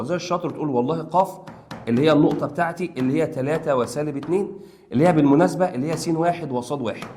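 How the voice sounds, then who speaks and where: A man's voice: fairly high pitch, darkish tone, a little hiss or hum. A young man with an Egyptian Arabic accent, teaching a math lesson online in a playful, coaxing way and talking to his students like friends. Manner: rapid, playful and coaxing, talks to students as pals.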